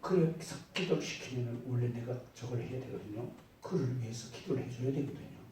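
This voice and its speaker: Korean pastor preaching in an echoing church. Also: male voice, mid-range voice, lively intonation, a little fast, a little hiss or hum. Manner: storytelling, swings between soft asides and loud emphatic bursts. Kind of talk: sermon. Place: church sanctuary. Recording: very echoey church hall, mic at a distance.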